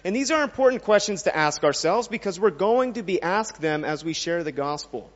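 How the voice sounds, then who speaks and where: High-voiced man preaching in a hall. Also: animated, a little fast. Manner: earnest, asks the listeners many questions. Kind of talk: sermon. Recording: dull sound with long reverb in a hall.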